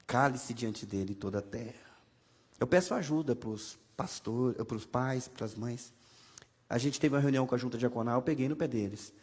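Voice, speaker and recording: The speaker is a male pastor with a Brazilian Portuguese accent, preaching in a church sanctuary in a mid-range, slightly mellow and rough voice. He talks conversationally and humorously, leaning on rhetorical questions, and long hall reverb colors the sound.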